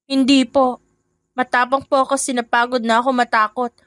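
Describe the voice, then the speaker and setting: Woman doing a calm, firm young stepdaughter. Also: high-pitched, a little fast, no room sound. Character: young stepdaughter, calm, polite, newly brave.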